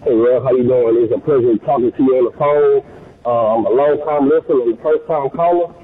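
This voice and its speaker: A man from Louisiana calls in on speakerphone, so his voice comes through tinny, muffled and hard to make out. His voice is slightly husky and sits at an ordinary pitch. He talks politely and calls the host Rev. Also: fairly quick. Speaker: caller. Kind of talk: casual call-in chat. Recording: tinny phone line.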